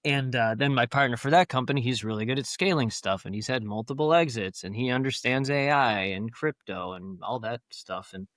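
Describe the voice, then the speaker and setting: A man's voice: mid-range voice, fairly quick, hardly any pauses, fairly bright tone, no room sound, studio quality. A man talking as a podcast guest, rambling and enthusiastic, with many fillers and restarts. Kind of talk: casual interview talk.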